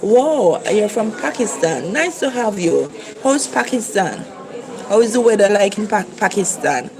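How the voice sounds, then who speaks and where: A Jamaican-accented livestream preacher with a medium-pitched voice speaks a little slowly, with big swings in pitch, over crowd noise. His casual, earnest encouragement to viewers keeps repeating key phrases.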